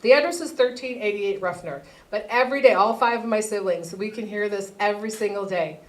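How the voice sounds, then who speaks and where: A woman doing a stand-up comedy set on stage, telling animated stories and acting out her family. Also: medium pitch, brisk. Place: comedy theater stage with audience.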